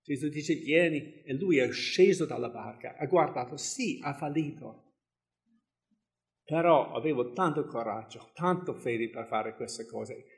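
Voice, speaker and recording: A man preaching in a relaxed, chatty way. He breaks into small chuckles, trips over and restarts words, and slips into reading scripture aloud between his own remarks. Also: medium pitch, unhurried, creaky. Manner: conversational, chuckles often, many restarts. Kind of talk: informal sermon with Bible reading.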